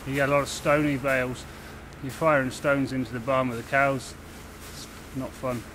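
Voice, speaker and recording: A man's voice: mid-range voice, level tone, moderate pace, fairly bright tone, a little hiss or hum, poor audio. Breathless young farm stockman. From England. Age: 20s. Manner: plain-spoken, practical, with rustic grammar. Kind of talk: casual explanation while working. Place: outdoors at a farm barn.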